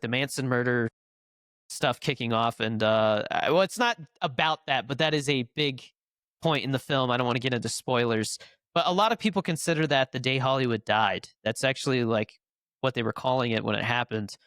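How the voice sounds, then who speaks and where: Stuffed-up nasal guy cohosting a film podcast, smooth voice, dry close mic, rambles a lot. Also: mid-range voice, brisk, fairly bright tone, no echo. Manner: rambling, with fillers and restarts. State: congested from a cold. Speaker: podcast co-host. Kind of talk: casual podcast chat.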